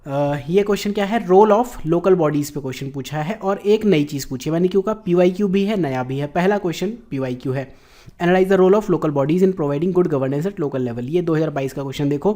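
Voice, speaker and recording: Mellow-voiced Indian man teaching exam prep. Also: fairly high pitch. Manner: explanatory, slows down to read English question text. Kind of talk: lecture explaining exam questions.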